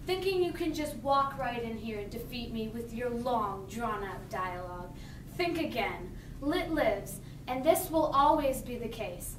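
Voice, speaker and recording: A young woman playing a stern, defiant teacher turned hero, declaiming grandly in an amateur play. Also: high voice. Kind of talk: amateur school play acting. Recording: echoey, noisy room, distant mic.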